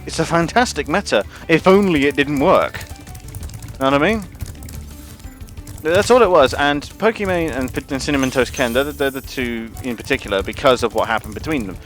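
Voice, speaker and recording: A man's voice: mid-range voice, lively intonation, fairly quick, a bit bright, faint music behind. A man ranting casually and profanely on a gaming livestream, rambling with lots of restarts. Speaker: gaming streamer.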